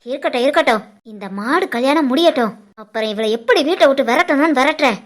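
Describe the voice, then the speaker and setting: A woman voicing an arrogant, domineering mother-in-law in an animated family drama, scornful and threatening, with a southern Tirunelveli Tamil accent. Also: very high-pitched, moderate pace. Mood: fuming. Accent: southern Tamil Nadu (Tirunelveli) Tamil. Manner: scornful and threatening, hurls insults.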